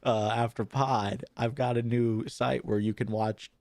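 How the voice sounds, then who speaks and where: A young man co-hosting a relaxed book podcast, with a medium-pitched voice. He jokes around and hesitates, correcting himself mid-sentence. The recording is dry, with no room sound. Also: measured pace, no echo. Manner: joking, hesitant, self-correcting. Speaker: podcast co-host. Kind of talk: casual chat.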